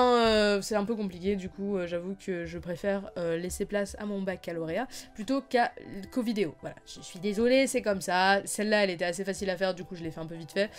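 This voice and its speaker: Chatty rambling young woman vlogger. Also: medium pitch. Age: late teens. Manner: chatty and rambling, many fillers and restarts. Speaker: YouTuber. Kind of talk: casual unboxing vlog.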